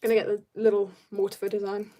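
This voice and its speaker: A fast-talking woman with a mid-range voice and a completely flat delivery runs a casual drawing stream. She reads out viewers' comments, responds, and trails off into quiet mumbling as she works, saying she's tired.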